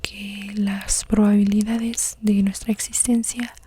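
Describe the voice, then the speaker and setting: A woman whispering under her breath in a soft-spoken ASMR podcast monologue, as its host. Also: medium pitch, little pitch movement, takes it slowly, slight background noise.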